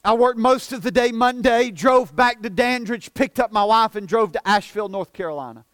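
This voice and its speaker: A pastor in his forties preaches a sermon earnestly, often repeating himself and stumbling over words, dropping his voice soft for emphasis. His voice is very high and a little fast. The recording is dry and studio quality.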